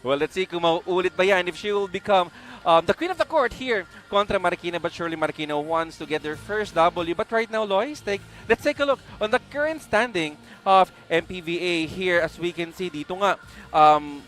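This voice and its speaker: A man's voice: high-pitched, fairly quick, hardly any pauses, fairly bright tone. A man with a Filipino accent giving pre-game sports commentary in an emphatic, conversational way. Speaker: sports commentator, lead presenter.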